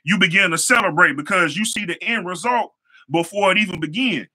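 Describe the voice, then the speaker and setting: Young male host, high and piercingly bright tone, loose conversational storytelling with slang and repeated phrases. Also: fairly quick. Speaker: show host, hair stylist. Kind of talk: casual motivational storytelling.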